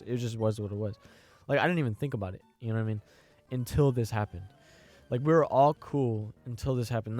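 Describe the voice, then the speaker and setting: A man's voice: medium pitch, darkish tone. A young American man talks on his podcast in a loose, rambling way. He often stops to search for words and keeps asking if you follow him. Faint music plays underneath his voice. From United States. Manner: rambling, hesitant, full of "you know what I mean". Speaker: podcast host. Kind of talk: casual opinion monologue.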